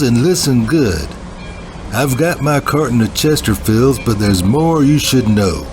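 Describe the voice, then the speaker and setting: A man playing a self-important, slangy hardboiled sleuth, narrating a film noir parody in a terse deadpan. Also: medium pitch, background noise, natural voice. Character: self-important hardboiled male private-eye type, slangy bank manager. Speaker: narrator and lead character. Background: music under the voice.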